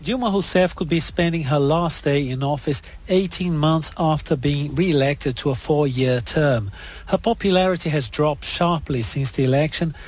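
Slightly high-pitched male news correspondent. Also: normal speed, a little mellow. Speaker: foreign correspondent. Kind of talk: scripted news report.

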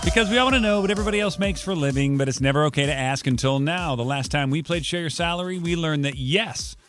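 A man hosting a morning radio show, joking and talking fast in casual banter. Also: fairly high pitch, a bit bright, soft background music.

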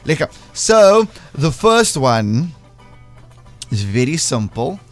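A man with a broad South African accent hosts a casual breakfast radio quiz, teasing and playful in manner. His voice sits fairly high with big swings in pitch, and he takes his time. Music plays behind him as a bed.

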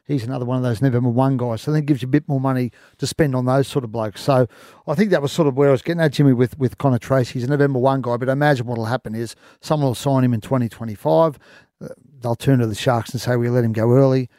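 A man's voice: mid-range voice, steady tone, quick pace, warm tone, no echo, studio quality. An Australian-accented man giving casual sports analysis as a radio panellist. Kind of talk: casual sports commentary chat.

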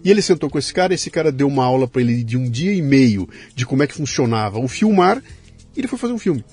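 A man's voice: medium pitch, quick pace, husky, soft background music. A man with a Brazilian accent hosting a podcast interview, telling stories and acting out the quotes. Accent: Brazilian Portuguese. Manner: animated storyteller, acts out quotes. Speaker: podcast host. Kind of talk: conversational interview.

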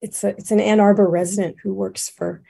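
A woman making informal remarks as a committee member, halting and often rephrasing as she goes. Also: medium pitch, level tone, creaky, dark tone, husky.

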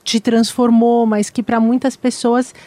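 A woman's voice: a little high, little pitch movement, measured pace, dark tone, dry recording. Thoughtful podcast host woman. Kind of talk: podcast interview.

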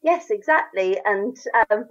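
This Northern Irish woman is a children's author, eagerly answering interview questions in a warm, lilting storyteller's manner punctuated by laughter. She speaks unhurriedly in a mid-range voice with lively intonation, though the audio has its highs cut off.

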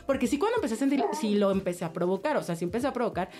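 A woman's voice: medium pitch, animated, rapid-fire, mellow, soft background music. A young woman co-hosting a casual talk podcast, telling a personal story with laughter and candor. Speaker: podcast co-host. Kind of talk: casual chat.

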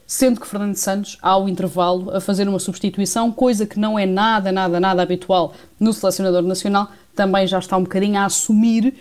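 A woman's voice: medium pitch, flat delivery, quick pace, hardly any pauses, a little mellow. A woman with a European Portuguese accent giving live radio football analysis as a reporter, with some self-correction. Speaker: sports reporter.

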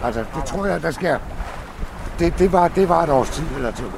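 A man's voice: fairly high pitch, lively intonation, vocal fry, background noise. A man, a novice sailor, speaking in a documentary interview outdoors on a sailboat and stumbling through restarts as he thinks aloud.

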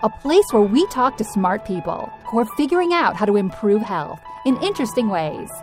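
A woman's voice: mid-range voice, sing-song, normal speed. A woman reading a scripted podcast intro in an upbeat promotional way. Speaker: show intro announcer. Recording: voice over background music.

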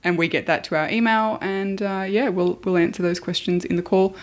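A woman's voice: medium pitch, steady tone, brisk. An Australian woman hosting a podcast in a casual, chatty style. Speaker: podcast host.

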